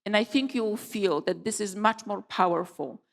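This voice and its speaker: Middle-aged woman w opening a conference, slow emphatic pauses, big hall echo. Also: medium pitch, creaky. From Poland. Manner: measured, emphatic delivery with deliberate pauses. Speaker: conference co-founder giving opening speech. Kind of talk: formal opening speech. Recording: long hall reverb.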